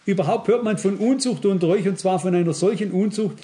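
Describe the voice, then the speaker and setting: A man's voice: high voice, a little fast. A man preaching a sermon to his congregation, often asking if they understand and acting out quoted dialogue. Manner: addresses congregation directly, asks "versteht ihr?"; acts out quoted dialogue in lively asides. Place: church before a congregation.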